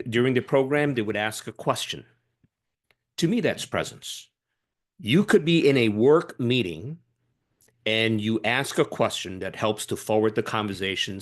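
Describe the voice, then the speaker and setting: Animated man speaking on a panel. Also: medium pitch. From Malaysia. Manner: animated, emphatic, with many restarts and fillers. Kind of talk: webinar panel talk.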